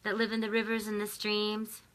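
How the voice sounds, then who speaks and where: Bright-toned woman guiding a meditation. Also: mid-range voice, monotone, a little hiss or hum, poor audio. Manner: soft, slow and prayerful, with gentle pauses. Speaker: spiritual teacher leading a guided visualization. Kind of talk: guided meditation. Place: home in the mountains.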